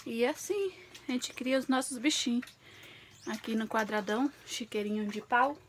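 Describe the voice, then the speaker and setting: A woman with a bright, high voice films herself outdoors on a farm with her phone. She talks casually to her viewers and chirps at the animals. A faint hiss of outdoor noise sits under her voice. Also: moderate pace. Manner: chatty, calls out to animals in a high sing-song voice. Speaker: vlogger. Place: outdoors on a farm, pigsty and yard. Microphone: phone camera held by the speaker.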